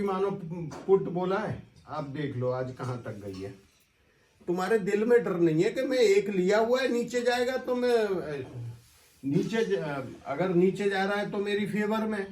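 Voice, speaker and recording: A man's voice: on the high side, a little mellow. A man, an astrologer, explains the stock market to viewers in casual, direct talk with an instructive manner. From India. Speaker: astrologer giving market analysis. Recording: echoey room, voice from a distance.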